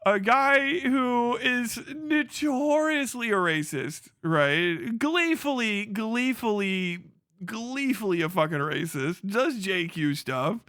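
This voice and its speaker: Speaking to a live audience, a man hosts a livestream with casual, profane commentary, sounding sarcastic and incredulous and repeating phrases to drive points home. His voice is high, pushed and bright. The recording is clean studio sound without echo.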